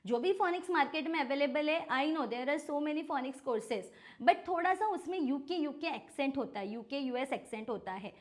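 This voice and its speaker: An Indian woman who teaches phonics, explaining as a podcast guest in a mix of Hindi and English and slowly spelling out letters to make her point. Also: high-pitched. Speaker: phonics educator and franchise owner.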